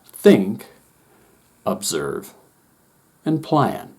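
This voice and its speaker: A middle-aged man, a former wilderness instructor, calmly explaining a coping technique to teachers in a steady, reassuring way. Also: lowish voice, extremely slow, slightly rough. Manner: calm, steady, gently reassuring. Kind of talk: calm instructional talk to teachers.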